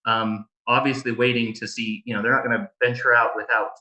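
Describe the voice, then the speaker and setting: Bright-voiced male game master, halting delivery. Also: mid-range voice, flat delivery. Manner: halting, pausing mid-phrase. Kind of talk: improvised tabletop game narration. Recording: echoey room.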